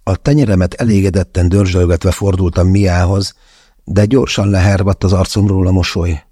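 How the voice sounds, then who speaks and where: Husky, dark-voiced male audiobook narrator. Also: deep voice, fairly even intonation, dry recording, clean studio sound. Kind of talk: first-person audiobook narration.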